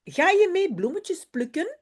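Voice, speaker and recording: Jip, an eager storybook boy, read by a hoarse woman. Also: very high voice, very animated, unhurried, pitched above the performer's own voice, exaggerated voice.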